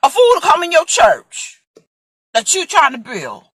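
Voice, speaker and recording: Woman in her 40s preaching hard on a vlog, lively swooping voice, dry close sound. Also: high-pitched, unhurried, no room sound. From Brooklyn, USA. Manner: impassioned, emphatic, acts out quoted voices. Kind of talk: vlog sermon.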